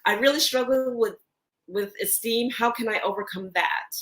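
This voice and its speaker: A woman's voice: a little high, normal speed, a bit bright. A woman co-hosting a wellness podcast, affirming her partner and urging listeners to shift their point of view. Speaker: podcast co-host, wellness presenter. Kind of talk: motivational podcast talk.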